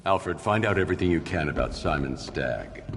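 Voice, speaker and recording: An actor playing a grim masked vigilante who speaks in curt, commanding orders for a video game. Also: male voice, lively intonation, moderate pace, a little hiss or hum. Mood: stern. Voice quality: deep and gravelly. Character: grim masked vigilante, stern adult man. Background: game music score.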